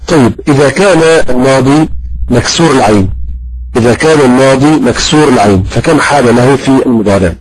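A man teaching a grammar class at a middle pitch, talking slowly and breaking off often to fill the pauses. He puts questions to his students and praises their answers. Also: breathy edge, dry recording, low-quality recording. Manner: slow and halting, with many drawn-out fillers. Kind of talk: classroom lesson with audience questions.

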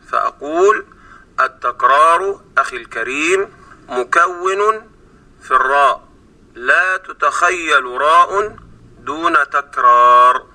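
On a radio program that sounds like a distant broadcast, an Egyptian man with a bright, fairly high voice teaches recitation. Speaking in an Egyptian Arabic accent, he explains pronunciation and draws out sounds slowly to demonstrate.

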